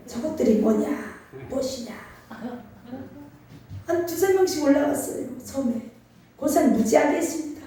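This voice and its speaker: Middle-aged woman pastor with a Chungcheong Korean accent, high voice, lively emphatic sermon, heard from a distance. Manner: lively, emphatic preaching with call-and-response. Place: church sanctuary. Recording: echoey church hall from far off.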